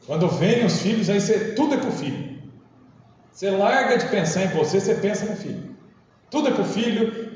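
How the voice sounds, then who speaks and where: A man's voice: high voice, darkish tone, slight background noise. A Brazilian man, a teacher, telling humorous stories to a parish group and acting out the voices he quotes. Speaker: teacher giving a parish lecture. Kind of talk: anecdotal talk to a parish group. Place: large parish hall. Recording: echoey hall, distant dull mic.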